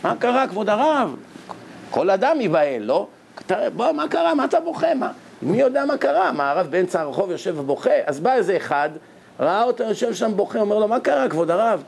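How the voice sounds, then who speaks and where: Animated high-voiced preacher man. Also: creaky, slight background noise. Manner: animated, acts out characters' voices with sharp pitch jumps. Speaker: religious preacher. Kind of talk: sermon storytelling.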